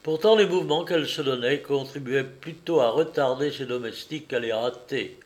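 Brief: male narrator, mid-pitched, even and expressive, for a literary audiobook. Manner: measured, expressive storytelling. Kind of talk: scripted narration of a classic novel.

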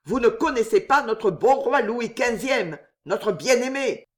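A woman voicing a small, scheming nobleman in a storybook reading, mocking and menacing, with a low growl. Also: animated, a little slow. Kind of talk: audiobook character reading.

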